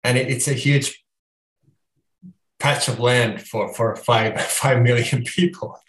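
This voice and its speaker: A man with a Finnish accent, a guest author talking slowly and thoughtfully in a casual conversation with halting restarts. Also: medium pitch, steady tone, fairly bright tone, roomy sound, poor audio. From Finland.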